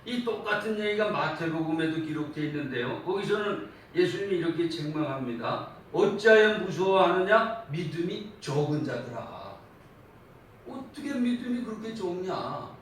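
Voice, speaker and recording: A high-pitched man preaches in a church sanctuary, his voice climbing to loud, emphatic peaks whenever he quotes scripture. He stands well back from the mic, so the sound is heavily echoey, with a faint hum of room ambience behind him. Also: very animated, normal speed. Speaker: pastor. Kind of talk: sermon. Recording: echoey church hall from far off.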